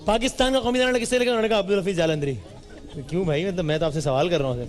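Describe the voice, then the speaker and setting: A man hosting a live studio quiz, teasing and bantering quickly with the audience. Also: high-pitched. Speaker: game show host. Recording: roomy hall with music and crowd.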